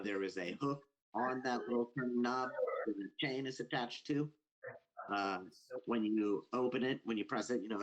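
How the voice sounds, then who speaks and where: A man running a tabletop game as dungeon master, narrating in a relaxed way with many fillers. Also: medium pitch, rough recording.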